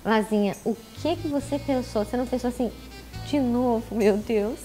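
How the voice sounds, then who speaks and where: Warm-toned woman pastor hosting. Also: fairly high pitch, moderate pace, faint music behind. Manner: brief affirming interjections and questions. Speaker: pastor and program host. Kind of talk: church talk show interview.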